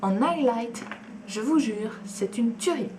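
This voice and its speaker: A woman's voice: a little high, lively intonation, slow, background noise. A young woman, chatting enthusiastically through a makeup tutorial at home, with frequent fillers and asides. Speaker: beauty vlogger.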